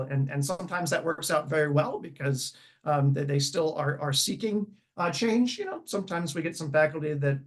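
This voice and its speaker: Higher-pitched man answering on a panel. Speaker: university teaching center staff member, panelist. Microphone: video call.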